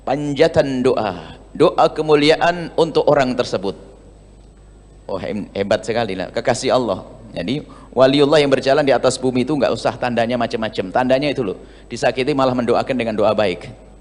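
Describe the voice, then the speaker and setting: A male preacher, giving a sermon to a gathering, swinging between loud emphasis and hushed asides. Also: mid-range voice. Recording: long hall reverb.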